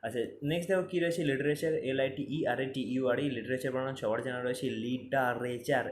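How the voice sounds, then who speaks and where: A man's voice: medium pitch, racing, slight background noise. A man teaching spelling for exams, spelling words letter by letter and repeating them for emphasis. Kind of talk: exam-prep spelling lesson. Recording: roomy echo, faint ambience.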